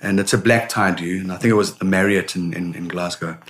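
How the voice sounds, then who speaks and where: A middle-aged man, a sales consultant, answering interview questions in an animated storytelling manner with frequent restarts. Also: deep voice, fast talker. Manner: animated storyteller, repeats words when starting.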